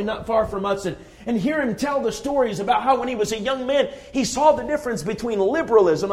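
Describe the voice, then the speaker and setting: A man in his forties preaching a fervent, emphatic sermon full of repetition. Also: high voice. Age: 40s.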